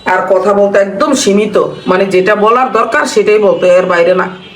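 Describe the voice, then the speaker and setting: A woman's voice: medium pitch, steady tone, moderate pace. A woman, chatting while cooking and reminiscing in a repetitive, mournful way. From Bangladesh. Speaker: vlogger. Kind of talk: casual chat while cooking. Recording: roomy, from a distance, faint noise.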